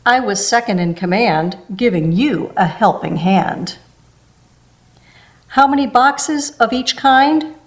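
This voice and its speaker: A woman with a fairly high, animated voice reads a rhyming picture book aloud, slowly and gently. She keeps a soft, rhythmic pace and drops in small spoken asides as she goes.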